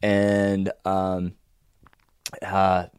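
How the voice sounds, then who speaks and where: An American man with a croaky, froggy voice, congested from a cold, talking casually and unhurriedly as he hosts a solo podcast. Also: low-pitched, completely flat delivery, very slow, a little mellow, dry recording, studio quality. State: under the weather, congested. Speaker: podcast host and running coach.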